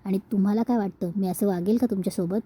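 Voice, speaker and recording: A woman voicing a cheeky, smooth-talking young man who keeps coaxing and teasing. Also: medium pitch, fairly even intonation, fast talker, mellow, natural voice. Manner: coaxing, playful, keeps saying madam.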